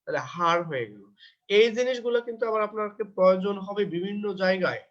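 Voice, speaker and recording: High-voiced Bangladeshi grammar teacher. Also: male voice, very animated, a bit bright. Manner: reads English textbook lines slowly, then explains in Bengali; asks himself questions and answers them. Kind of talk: recorded grammar lecture. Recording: dull lo-fi recording.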